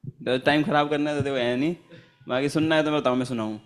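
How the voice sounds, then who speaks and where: A man's voice: on the high side, fairly even intonation, fast, soft background music. A man teaching a Gita class in a chatty, storytelling manner, laughing often and chanting Sanskrit verses. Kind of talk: informal scripture class with anecdotes.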